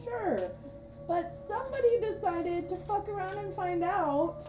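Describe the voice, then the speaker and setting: A woman's voice: extremely high pitch, a little slow. A woman playing a tabletop game, bantering casually with the group. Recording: roomy, distant mic, music behind.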